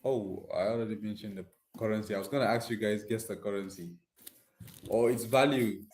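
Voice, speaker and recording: A Nigerian man live streams from an echoey indoor room, chatting casually and slangily to his viewers in a Nigerian accent. His voice is lowish and a little mellow, and he talks fairly quickly.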